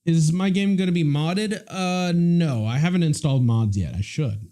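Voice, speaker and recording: A man's voice: fairly high pitch, normal speed, warm tone. A man from the United States, chatting casually on a live stream and answering viewer messages.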